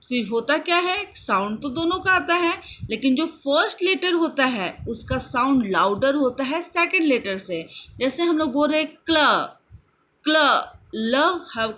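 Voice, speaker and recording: A woman teaching children phonics in a mix of Hindi and English, slowly sounding out and repeating each word. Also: high voice, fairly bright tone. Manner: slow, drawn-out repetition of sounds and words.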